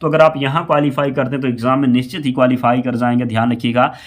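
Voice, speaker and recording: He talks fast in a mid-range voice with fairly even intonation, sounding slightly hoarse because he has a fever. The lesson is an exam-prep quiz: he reads out questions and options, repeats each answer, and keeps telling the viewer to keep it in mind.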